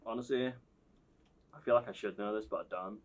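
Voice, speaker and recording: A man's voice: lowish voice, a little fast, muffled recording. A British man chatting casually as a guest, hesitant and full of fillers. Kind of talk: casual chat.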